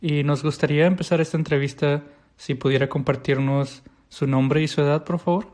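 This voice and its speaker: Un hombre que abre una entrevista con un saludo cortés y formal. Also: male voice, a little high, fairly even intonation, a little fast, darkish tone. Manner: polite, formal greeting. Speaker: interviewer. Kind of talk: formal interview opening.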